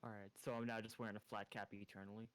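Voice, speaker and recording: A man's voice: fairly low pitch, little pitch movement, racing, clean tone. A young man playing a tabletop game, chatting in a jokey, crude way. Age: young adult. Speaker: player. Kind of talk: casual tabletop game chat.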